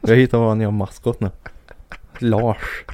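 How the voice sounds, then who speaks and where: A man's voice: lowish voice, flat delivery, a little mellow, no echo. Laid back swedish guy chatting with a friend, dry close mic. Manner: easygoing, short agreeing replies. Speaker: podcast co-host. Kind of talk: casual chat.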